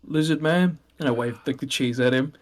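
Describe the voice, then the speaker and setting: A man playing a tabletop game, joking in animated banter. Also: mid-range voice, brisk. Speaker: player.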